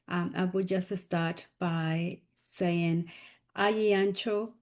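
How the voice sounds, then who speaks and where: A woman's voice: fairly low pitch, fairly even intonation, drawn-out words, a little mellow. Peruvian woman author giving a talk. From Peru. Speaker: guest speaker, author. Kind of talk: academic talk.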